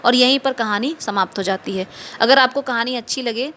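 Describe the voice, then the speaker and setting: Female storyteller, fairly high and bright, steady measured reading of a short story.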